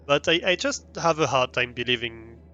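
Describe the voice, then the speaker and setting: A man's voice: mid-range voice, normal speed, pushed and bright, dull audio. A young man with a French accent, streaming a game live and chatting with viewers, hesitant with many fillers and restarts. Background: faint music.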